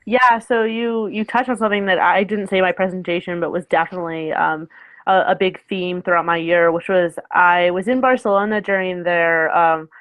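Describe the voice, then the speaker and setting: A woman in her twenties, appearing as a guest speaker on a video call, talks casually and rambles, with many fillers and self-corrections. Her voice is fairly low, steady and a bit bright at a moderate pace, and the dry recording has a tinny, phone-like quality.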